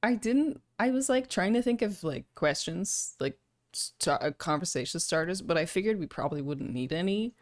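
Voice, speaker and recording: A woman's voice: fairly low pitch, lively intonation, normal speed. A young woman hosting a casual podcast chat over a call, sounding groggy and sleepy, talking tentatively with many fillers. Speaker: podcast host. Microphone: video call.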